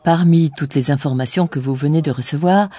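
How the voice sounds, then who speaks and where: A woman narrating a scripted language course in a didactic way, pausing on key words. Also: low voice, mellow. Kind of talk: scripted bilingual explanation.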